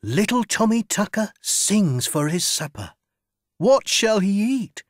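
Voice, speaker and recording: A woman reciting nursery rhymes in an expressive storytelling manner. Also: medium pitch, slow, no room sound, clean studio sound. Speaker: rhyme reader.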